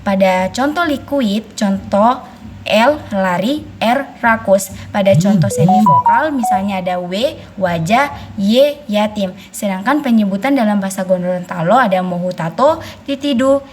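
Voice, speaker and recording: Slow young woman listing examples. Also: medium pitch, expressive, over music. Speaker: student presenter. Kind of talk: reading a list of examples.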